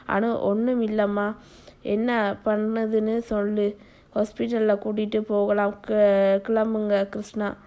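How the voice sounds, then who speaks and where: A woman voicing a gentle, shy young bride who speaks softly and tenderly. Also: mid-range voice, level tone, measured pace, lightly acted. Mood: frantic. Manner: soft, tender, turns frantic when scared.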